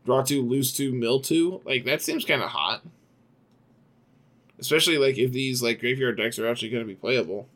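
Relaxed man chatting with a laugh. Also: medium pitch, moderate pace. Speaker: podcast co-host. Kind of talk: casual card game chat.

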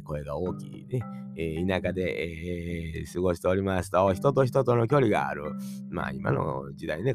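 A man with a Kansai accent hosting a solo podcast, musing in a folksy way that mixes formal endings with dialect and long drawn-out fillers. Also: deep voice, gravelly. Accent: Kansai Japanese. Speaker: podcast host. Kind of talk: rambling solo podcast monologue.

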